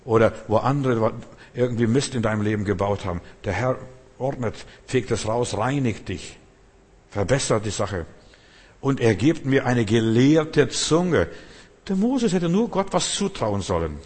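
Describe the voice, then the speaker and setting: A man's voice: on the low side, lively intonation, normal speed, darkish tone, slightly rough. A male preacher delivering an earnest sermon, exhorting the listener and addressing them directly. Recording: long hall reverb.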